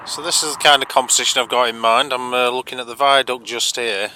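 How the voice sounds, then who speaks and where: A man's voice: mid-range voice, fairly even intonation, quick pace, pushed and bright, low-quality recording. A British man giving casual, chatty narration for a photography vlog. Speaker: landscape photographer and vlogger. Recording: faint background noise.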